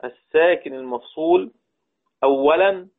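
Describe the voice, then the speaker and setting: Teaching a Quran recitation class, an Egyptian man with an Egyptian Arabic accent goes back over points slowly and quizzes his students to check they follow. His voice sits somewhat high for a man, and the sound is thin and tinny, as if over a phone.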